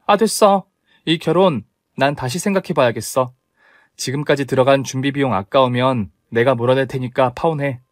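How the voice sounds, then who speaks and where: A man voicing a sharp, indignant young woman who scolds her fiancé in a storybook tale. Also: medium pitch, brisk, dry recording, clean studio sound, lightly acted. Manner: scolding, demanding.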